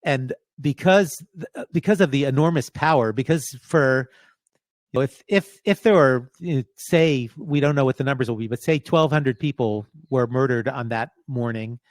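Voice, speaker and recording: A middle-aged man being interviewed as a professor, speaking gravely in halting bursts, restarting phrases as he searches for words. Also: mid-range voice, no echo. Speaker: guest, professor. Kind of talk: remote interview conversation.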